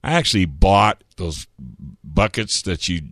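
Really deep voiced guy, bright tone, rambly chatty, trails off a lot. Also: expressive, a little slow, no room sound, clean studio sound. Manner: chatty, trailing off mid-sentence. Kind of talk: casual chat.

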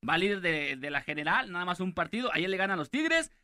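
Man, mexican accent, radio host, quick delivery, bright tone, dry studio sound. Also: high voice, very animated, clean tone, no echo. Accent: Mexican Spanish. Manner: quick, chatty, reads sports results. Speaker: radio morning show host. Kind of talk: casual sports chat.

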